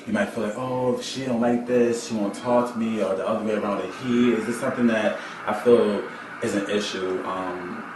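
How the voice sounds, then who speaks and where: Man, 20s, easygoing interview subject; echoey room, distant mic, clear music bed. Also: on the low side, noisy background. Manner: casual, conversational with "you know". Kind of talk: documentary interview. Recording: roomy, distant, music underneath.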